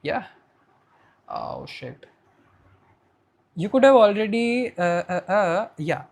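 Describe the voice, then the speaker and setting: A man's voice: sits high, wildly swooping pitch, takes it slowly, vocal fry, a little mellow. Chatty Indian man teaching on screen. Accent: Indian English. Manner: chatty, thinks aloud while working on screen. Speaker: educator for accounting students. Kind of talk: casual screen-share tutorial.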